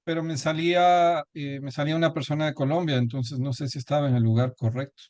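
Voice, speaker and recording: A man's voice: on the high side, steady tone, quick pace, darkish tone, no echo. Hesitant male student on a dry call. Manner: hesitant, a little confused. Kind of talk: online class talk. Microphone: video call.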